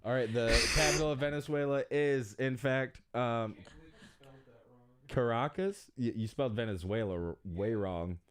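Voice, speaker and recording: A male podcast host chats casually with a guest in an interview, joking and laughing often. His mid-range voice is clear and resonant, his pace unhurried, and he's captured on a close studio mic.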